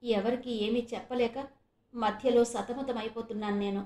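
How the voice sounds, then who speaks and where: A woman's voice: on the high side, steady tone, normal speed, mellow, roomy sound, lightly acted. A woman voicing a weary middle-aged mother who laments her son's ways. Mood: sorrowful. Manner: sorrowful, lamenting.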